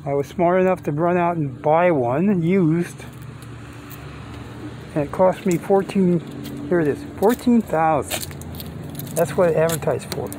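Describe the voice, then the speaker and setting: A man's voice: fairly high pitch, measured pace, pauses often, warm tone, a little hiss or hum. An older man filming himself on his phone, talking casually and rambling, often restarting and working out sums aloud, first outdoors in a park and later inside a van. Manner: rambling, plainspoken, with restarts and mental math. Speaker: vlogger. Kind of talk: casual self-filmed vlog. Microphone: phone held close.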